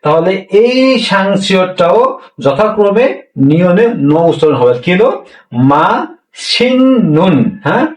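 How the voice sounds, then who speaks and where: An animated, high-pitched male teacher speaks at normal speed as he walks through pronunciation rules one step at a time. He repeats points and answers his own questions, captured by a far-off mic in an echoey room.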